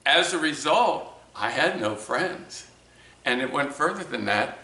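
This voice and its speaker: Slow, reflective man in an echoey room. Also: a little high, bright, forceful tone. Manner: slow, reflective, with many restarts. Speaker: speaker of a talk series. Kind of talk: personal talk to camera. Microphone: camera mic.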